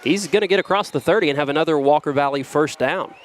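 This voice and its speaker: A man's voice: on the high side, fast, a little hiss or hum. Joking local football commentator man. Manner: jokey, rambling banter about food. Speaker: play-by-play commentator. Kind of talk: local high school football broadcast commentary.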